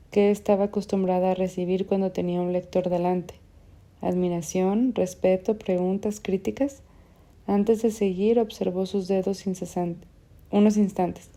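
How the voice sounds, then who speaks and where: A woman reading literary fiction aloud as an audiobook narrator, in a measured, even way. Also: mid-range voice.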